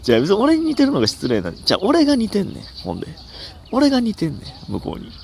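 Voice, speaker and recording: A young man with a Kansai accent, hosting a casual solo comedy podcast, rambling and self-mocking with sudden animated outbursts. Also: high-pitched, rapid-fire, vocal fry.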